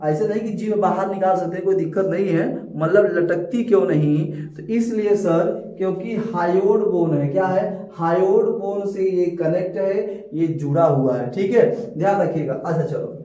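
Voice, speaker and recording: Speaking at a normal speed with few pauses, a man with a high, warm voice leads a lesson, echoing key words and questioning his students rhetorically. The recording is lo-fi, dull, distant and full of echo.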